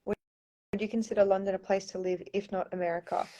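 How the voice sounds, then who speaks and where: A woman's voice: mid-range voice, level tone, quick pace, dark tone. A young Australian woman chatting casually on a phone livestream, reading out viewer comments and answering them with lots of ums and likes. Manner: chatty, reads viewer comments aloud, often says um and like. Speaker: pageant contestant answering fans. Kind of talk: casual live-stream Q&A.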